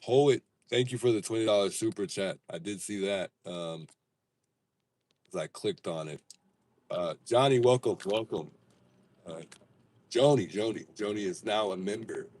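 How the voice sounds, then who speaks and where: A man's voice: fairly low pitch, measured pace, pauses often, a little mellow. A man chatting casually and playfully on a livestream as host, with slightly slushy speech from missing teeth, talking in a car. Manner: playful, slangy, informal. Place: inside a moving car.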